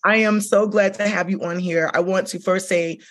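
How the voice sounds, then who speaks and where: A woman's voice: mid-range voice, steady tone, moderate pace. A woman hosting an interview podcast, enthusiastic and chatty, peppering her questions with "like" and "okay?". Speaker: podcast host.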